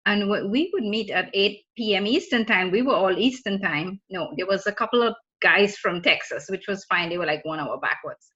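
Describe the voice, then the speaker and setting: A student from Trinidad chats casually with classmates during a group video call from her home in Florida, laughing often and restarting her sentences. Her mid-range voice is bright and forceful, at normal speed with hardly any pauses. The call audio is muffled and lo-fi.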